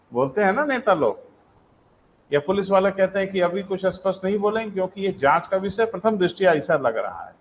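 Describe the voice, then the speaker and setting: A man's voice: high voice, a little hiss or hum, low-quality recording. A male teacher giving a live online lecture, dictating notes, asking check questions and calling his students "beta".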